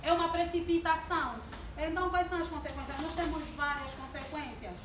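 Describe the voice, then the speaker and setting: In an echoey hall full of background noise, a distant mic catches a high-voiced woman in her twenties delivering a sermon-style youth talk. She speaks a little fast with fairly even intonation, asking the congregation questions and drawing out answers.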